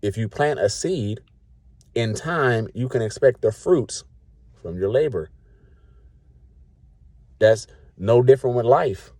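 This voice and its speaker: Late-30s male vlogger, blunt and preachy, dark mellow voice, dry recording. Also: mid-range voice, expressive, slow, long pauses, no room sound. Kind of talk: casual rant to camera.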